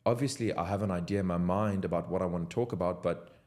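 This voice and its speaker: A young South African content creator talks fast to camera from his home desk in an unscripted talking-head vlog. His voice sits low with a darkish tone. He comes across as earnest and motivational.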